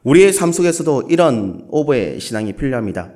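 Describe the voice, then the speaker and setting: Gyeongsang pastor preaching, playful, voice all over the place, medium pitch. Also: male voice, brisk. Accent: Gyeongsang Korean. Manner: playful, with lively acted quotes. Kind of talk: sermon.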